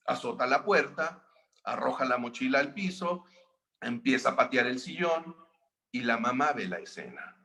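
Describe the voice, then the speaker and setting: A man with a Mexican accent, a seminar facilitator, calmly narrating a story to explain a lesson. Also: mid-range voice. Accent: Mexican Spanish. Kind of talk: storytelling lecture.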